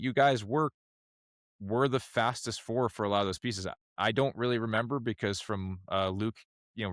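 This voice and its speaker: A man guesting on a podcast in casual chat, halting with many restarts. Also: on the low side, dry recording, studio quality. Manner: halting, many restarts, warms up and gets emphatic.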